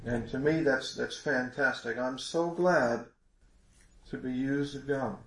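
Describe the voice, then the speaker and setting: A man's voice: mid-range voice, takes it slowly, a bit bright, roomy sound. A congested man preaching a sermon in a folksy, rambling way with many restarts.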